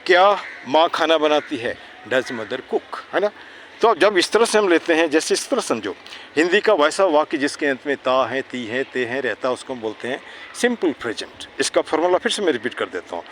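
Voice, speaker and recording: A man's voice: mid-range voice, a bit bright, slight background noise. A man teaching English grammar to children in Hindi, patiently checking that they understand. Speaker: English tutor. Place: outdoors near traffic.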